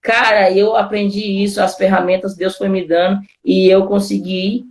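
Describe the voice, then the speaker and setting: A man's voice: sits high, little pitch movement, moderate pace, echoey room. Brazilian pastor telling his story casually. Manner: informal storytelling, constant "cara" and "né" fillers. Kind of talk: casual testimony conversation.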